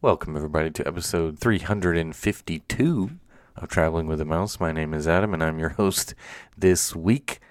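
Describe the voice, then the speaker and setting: A man hosting a casual podcast, chatty and relaxed, laughing easily as he talks with his co-host on a close mic. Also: rumbling low, moderate pace, hardly any pauses, faint music behind.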